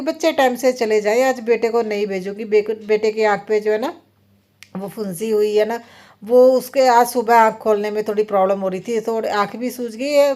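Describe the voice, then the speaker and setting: A slightly high, mellow female voice belongs to a mother and vlogger in her thirties. She narrates her day at home in a casual phone voice-over, chatty and rambling, full of fillers.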